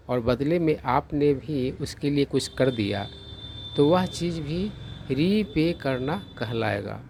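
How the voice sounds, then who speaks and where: A medium-pitched man with a darkish tone teaches English vocabulary in Hindi, with slight background noise. He explains each word slowly and patiently, carefully spells out pronunciation, and often checks understanding by repeating "ठीक है".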